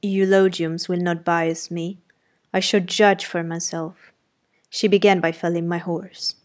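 A woman voicing a brusque, imperious middle-aged gentleman who questions sardonically and gives orders, read as audiobook character dialogue. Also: fairly low pitch, little pitch movement, unhurried, close to an everyday voice. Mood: brusque, commanding.

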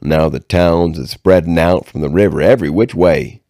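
Man putting on a scruffy, sly frontier drifter: deep, warm, drawling backwoods talk, close and dry. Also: moderate pace, no echo. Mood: easygoing. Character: heavyset ragged frontier man, sly and folksy.

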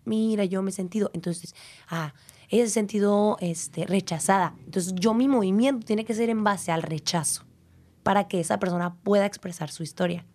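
A woman's voice: medium pitch, moderate pace. A young woman with a Mexican accent, a dancer and teacher, talking reflectively in an interview and acting out what people say. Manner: reflective, animated, acts out quotes. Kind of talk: casual interview talk.

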